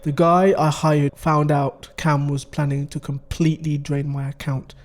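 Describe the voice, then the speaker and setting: This man's voice sits on the high side, level and a little slow, close to how he'd normally talk. He's playing a scheming middle-aged father who confides his wife's crimes in a grave, conversational way, as dramatic dialogue in an audio story.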